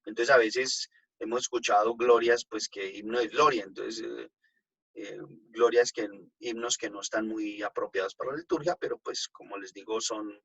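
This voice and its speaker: A man, a priest, giving a relaxed talk on liturgy to a group and taking their questions, checking in often with his listeners. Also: on the low side, breathy edge, low-quality recording. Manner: conversational, checks in with "¿no?" and "pues". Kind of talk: informal teaching talk with audience questions.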